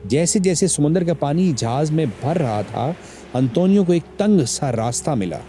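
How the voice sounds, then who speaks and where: A man's voice: on the high side, lively intonation, mellow. A man narrating a tragic story in a solemn, emotional storytelling manner. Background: faint background music.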